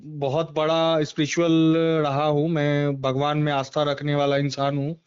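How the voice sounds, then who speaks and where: On a dull, band-limited phone call, a high-pitched man, a political party member and former election candidate, offers political commentary in an interview. His delivery is completely flat, a little slow, a little mellow, and clean in tone, yet emphatic, with repeated words of agreement.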